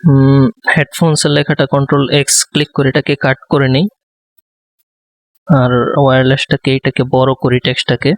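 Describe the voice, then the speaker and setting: A man giving a design tutorial, speaking softly close to the microphone and thinking aloud with many fillers. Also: mid-range voice, no room sound. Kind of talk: live screen-recorded tutorial.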